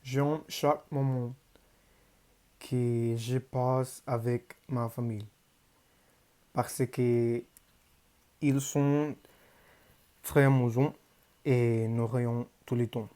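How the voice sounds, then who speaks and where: A teenage boy from Mexico, a native Spanish speaker with a Mexican Spanish accent, reading a prepared class presentation in a careful, halting learner's way. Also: medium pitch, steady tone, warm tone. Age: teens. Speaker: high school student.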